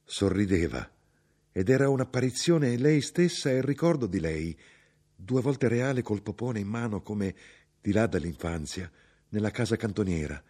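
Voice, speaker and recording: A man narrating a literary audiobook in an expressive, measured way. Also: fairly low pitch, husky. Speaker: audiobook reader.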